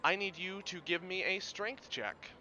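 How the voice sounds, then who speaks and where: A man voicing a loud, pushy carnival barker with booming sales patter. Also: measured pace, exaggerated voice. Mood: coaxing.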